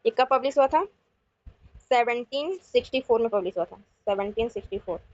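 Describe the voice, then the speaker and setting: A woman teacher solving past exam questions in a lecture, reading questions out slowly and then explaining quickly in mixed Hindi and English, asking viewers to answer. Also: on the high side, lively intonation, darkish tone, dry recording. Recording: dry, dull lo-fi sound.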